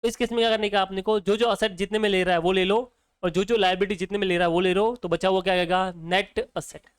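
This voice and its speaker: A man's voice: high-pitched, fairly even intonation, quick pace, clean tone, no room sound. A male accounting teacher, lecturing casually and quizzing students with repeated questions. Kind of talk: exam-prep lecture.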